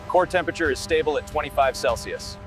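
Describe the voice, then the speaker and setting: A man's voice: on the high side, fast, loud music behind the voice. A man working as an industrial technician, giving procedural status reports.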